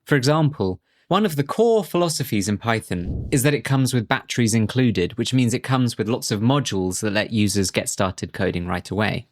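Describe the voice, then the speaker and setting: Male instructor voice, even mid pitch, calm scripted delivery with a light touch, dry booth sound. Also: normal speed, few pauses, no echo. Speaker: course instructor. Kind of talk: scripted tutorial narration.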